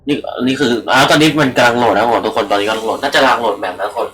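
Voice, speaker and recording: A man's voice: mid-range voice, racing, a bit bright, low-quality recording. A young man giving rambling, casual let's-play commentary into a computer microphone, swearing freely and talking to his viewers. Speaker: gaming channel host.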